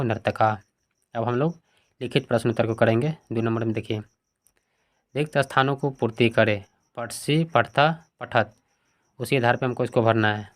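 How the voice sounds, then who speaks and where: Teaching from a textbook, a man poses each question to his students, answers it himself, and reads out word forms one at a time. His voice is medium-pitched.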